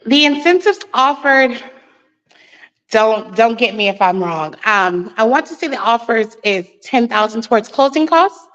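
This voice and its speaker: A woman's voice: fairly high pitch, expressive, measured pace, a bit bright, lo-fi sound. A woman real estate agent giving a walking tour of a house, chatty and a little nervous, slightly out of breath. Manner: chatty, nervous, laughs often.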